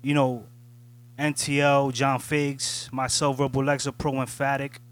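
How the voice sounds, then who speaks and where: A man's voice: medium pitch, level tone, measured pace. Reflective man, casual podcast co-host. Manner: reflective, peppered with "you know what I'm saying".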